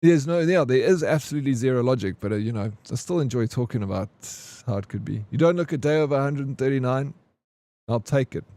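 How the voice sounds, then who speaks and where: A man's voice: medium pitch, lively intonation, quick pace, mellow, no echo. A man in his forties chatting casually with his live-stream chat, joking and answering comments. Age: 40s. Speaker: game streamer.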